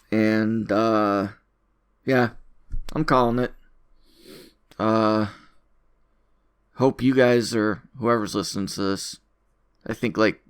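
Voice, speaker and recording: With a smooth, fairly low voice, a man who makes content talks off the cuff in an audio log. He meanders, runs himself down a bit, and keeps repeating phrases.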